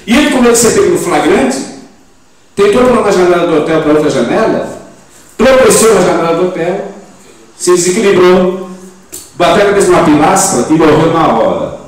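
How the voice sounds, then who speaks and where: A Brazilian-accented pastor in his seventies delivers a sermon, jumping from quiet asides to sudden loud emphatic peaks and firing rhetorical questions at the congregation. His voice sits a little high for a man. He is heard from some way off the mic in a hall with heavy echo. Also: animated, normal speed. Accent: Brazilian Portuguese. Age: 70s. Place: church in Portugal. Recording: very echoey church hall, mic at a distance.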